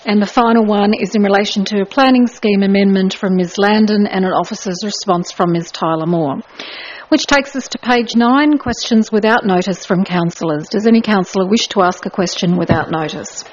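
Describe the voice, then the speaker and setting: A woman, chairing a council meeting as mayor in a brisk, procedural way with light asides. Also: mid-range voice. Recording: dull lo-fi meeting recording.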